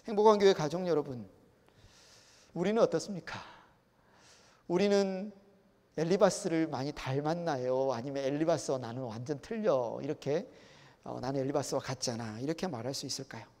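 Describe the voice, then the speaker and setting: A man's voice: a little high, mellow. A middle-aged man preaching a sermon as a pastor, earnest, rising in emphasis as he acts out quoted voices. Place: church sanctuary. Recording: long reverb of a church hall.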